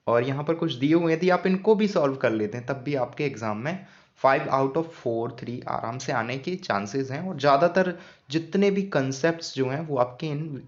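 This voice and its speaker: A man who teaches English grammar patiently and often repeats key points as questions for the students. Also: medium pitch. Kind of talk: explaining an English grammar lesson. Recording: dull lo-fi sound.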